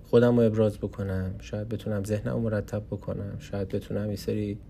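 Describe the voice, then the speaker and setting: A young man recording a personal podcast alone in a small office, talking unscripted, tired and hesitant with many pauses. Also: fairly low pitch, level tone, gravelly, mellow, a little hiss or hum. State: tired from lack of sleep. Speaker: podcast host.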